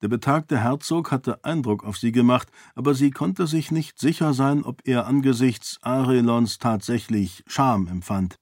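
A man reading a novel aloud in steady scripted narration. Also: mid-range voice, a little slow, hardly any pauses, no echo, clean studio sound. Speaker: audiobook narrator.

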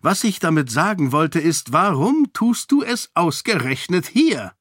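In a clean, echo-free studio recording, a man plays a cranky, blustering old king who yells in exasperation. He pitches his voice fairly high, above his natural range, and stays very animated while keeping a measured pace.

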